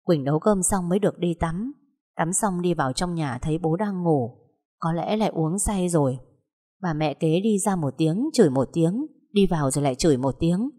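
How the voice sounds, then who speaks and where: A woman narrating a story in a calm, steady way, with a long echoing reverb. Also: lowish voice, moderate pace, breathy edge.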